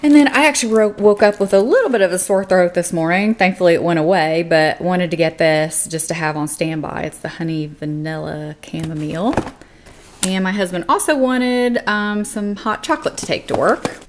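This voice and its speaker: A woman chatting casually as she shows off groceries in her kitchen, with frequent ums. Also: lowish voice. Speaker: vlogger showing a grocery haul. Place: home kitchen counter.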